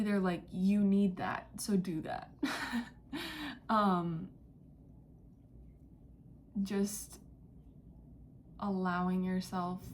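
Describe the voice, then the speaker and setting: A young woman giving a spiritual channeling message, talking in a halting, dreamy way with many fillers and slipping into soft whispers. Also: fairly low pitch, slight background noise. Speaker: psychic channeler. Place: indoors near a window, street and birds outside.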